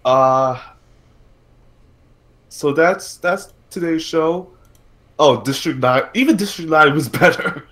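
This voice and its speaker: A man hosts a laid-back podcast livestream on movies and games, speaking haltingly and repeating words while he thinks out loud. His voice is fairly high and a little bright.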